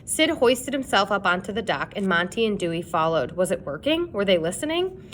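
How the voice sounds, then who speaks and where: A woman, a storybook reader, reads a children's chapter book aloud as a dramatic, suspenseful storyteller. Her voice is sing-song, fairly quick and fairly bright, with clear rumbling noise in the background.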